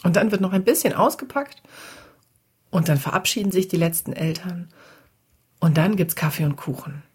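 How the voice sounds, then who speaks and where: Husky low-voiced woman telling a kids story. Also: normal speed, darkish tone. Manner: chatty, addresses listeners directly. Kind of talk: casual children's story narration.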